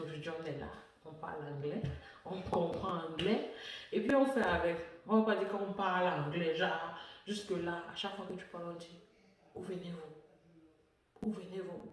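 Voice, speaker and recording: A woman from French-speaking Africa, talking in a chatty vlog style, often repeating words and laughing. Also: fairly low pitch. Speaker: vlogger. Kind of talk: casual personal vlog talk. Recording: echoey room, far from the mic.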